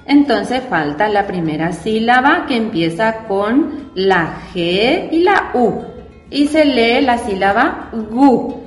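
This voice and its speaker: A woman with a fairly high, expressive voice teaches children to read, slowly and patiently spelling out syllables and asking the class simple questions. The room is echoey with long reverb, and faint music plays.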